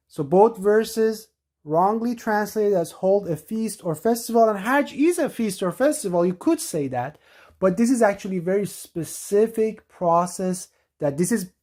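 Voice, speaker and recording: A woman's voice: medium pitch, dark tone. A woman presenting a lesson, walking through words on screen, often repeating herself and restarting mid-sentence. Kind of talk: explaining scripture on screen.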